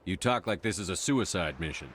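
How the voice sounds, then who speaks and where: An actor voicing a human military commander in a video game, direct and practical. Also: male voice, low-pitched, animated, brisk, fairly bright tone, a little hiss or hum. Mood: decisive. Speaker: player character commander.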